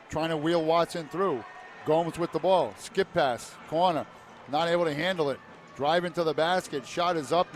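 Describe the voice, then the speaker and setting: A man calling a high school basketball game play by play in short clipped phrases, rising to shouts on big plays. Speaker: play-by-play announcer. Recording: loud crowd and arena noise. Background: cheering crowd, bouncing basketball.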